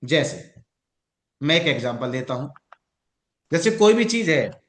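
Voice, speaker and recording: Animated, high-voiced male teacher. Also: measured pace, roomy sound. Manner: animated, explaining with examples and questions. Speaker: acupuncture and mind-technique teacher. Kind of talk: teaching a class.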